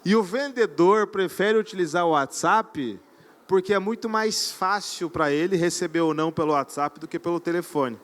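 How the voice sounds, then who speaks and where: A man with a fairly high voice delivers a live sales talk from an event stage. He speaks with energy and keeps firing questions at the audience to pull them in. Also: normal speed, a bit bright. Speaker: conference speaker.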